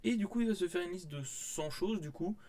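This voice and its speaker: A man's voice: high voice, brisk, warm tone. A young man, casually rambling through a manga haul vlog with many fillers and restarts. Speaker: manga vlogger.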